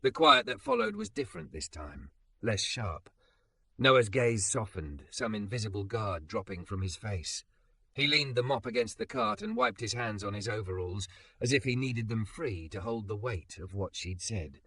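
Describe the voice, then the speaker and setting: Bright-voiced male story narrator. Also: on the low side, big pitch swings, normal speed, gravelly, no echo. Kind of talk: scripted narration.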